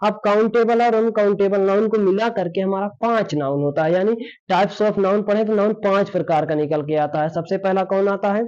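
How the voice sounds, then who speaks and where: A man's voice: high voice, darkish tone. A male English grammar teacher explaining a lesson, often asking rhetorical questions and answering them himself. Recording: dull lo-fi sound.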